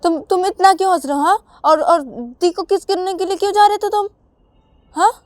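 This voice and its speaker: Woman doing a sharp, sulking young partner. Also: fairly high pitch, lively intonation, normal speed, no echo, pitched above the performer's own voice, lightly acted. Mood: upset. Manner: sharp, demanding, repeating questions.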